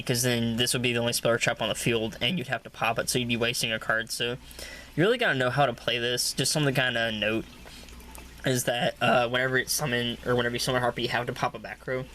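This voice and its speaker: Man, bright forceful voice, casual deck review, lots of uhs, faint hiss behind. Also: medium pitch. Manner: rambling, many filler uhs, repeats "really, really". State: coughing now and then. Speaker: card game deck reviewer. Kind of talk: casual deck profile talk.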